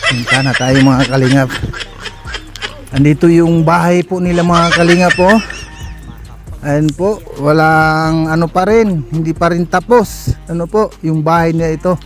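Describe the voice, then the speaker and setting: A man's voice: a little high, fairly even intonation, measured pace. A man hosting a charity vlog, chatting casually and coaxing people with frequent laughs, outdoors at a house on a rainy day. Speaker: charity vlogger host. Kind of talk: casual on-location vlog talk. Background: background music.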